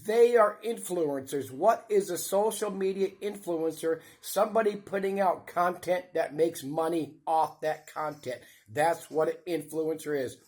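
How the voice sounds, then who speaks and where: A man's voice: a little high, unhurried, hardly any pauses, a little mellow. A man hosting his own channel, giving blunt, profane, rambling commentary. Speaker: channel host. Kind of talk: ranting commentary.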